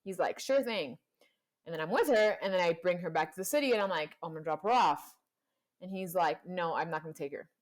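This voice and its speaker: Young woman guest from panama and colombia, kinda low voice, rambling story with lots of "like". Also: animated, fairly quick. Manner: storytelling, acts out quoted voices, many "like" fillers. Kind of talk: casual chat.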